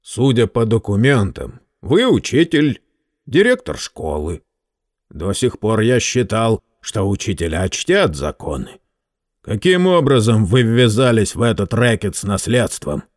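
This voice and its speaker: A man voicing a big, suave male lawyer who threatens slowly and politely. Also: on the low side, big pitch swings, no room sound, studio quality. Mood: coolly menacing. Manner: slow deliberate polite menace.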